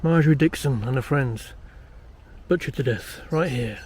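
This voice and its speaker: A man's voice: mid-range voice, normal speed, darkish tone, slightly rough, lightly acted. A British man acting as a boastful, uneasy amateur ghost hunter, rambling self-importantly to camera in a found-footage horror film. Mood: boastful, nervous. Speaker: paranormal investigator presenting a documentary.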